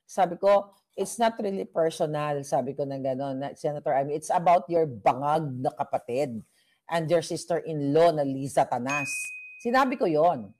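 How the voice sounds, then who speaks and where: Chatty low-voiced woman vlogger. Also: expressive, moderate pace, darkish tone. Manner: chatty, mixes English into Tagalog, frequent fillers. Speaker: political vlogger. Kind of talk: casual gossipy storytelling to viewers.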